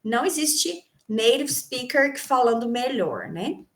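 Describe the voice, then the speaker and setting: Woman, high voice, Brazilian Portuguese accent, English teacher, class lecture, rhetorical questions. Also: sing-song, a little slow. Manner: explains to students, asks them rhetorical questions.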